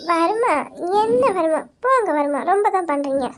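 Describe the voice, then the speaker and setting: A woman voicing a tearful, very high-voiced young wife. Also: expressive, moderate pace. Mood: sulky, coaxing. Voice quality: very high, girlish voice. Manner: pleading, sobbing between words. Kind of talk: hobby audio drama acting.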